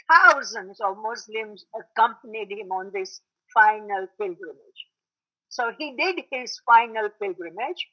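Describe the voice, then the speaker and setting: Woman, high voice, religious lecture, explanatory, emphatic repetition, fillers and throat clearing, muffled lo-fi sound. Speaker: religious studies teacher. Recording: dull lo-fi recording.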